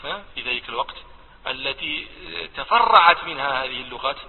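Quick, animated Moroccan man lecturing. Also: mid-range voice. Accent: Moroccan Arabic. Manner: explains by quizzing listeners. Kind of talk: classroom discussion. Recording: tinny phone-like sound in echoey hall.

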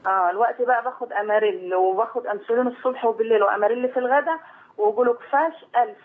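Rapid Egyptian woman caller on phone. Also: on the high side. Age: 40s. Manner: rambling, repeats herself, worried. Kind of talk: call-in phone conversation. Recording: tinny phone line.

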